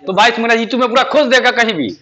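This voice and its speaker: A man's voice: very high-pitched, quick pace, bright, forceful tone, a little hiss or hum. A young man with a Bihari Hindi accent, a spoken English teacher chatting casually and jokingly with his class. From Bihar, India.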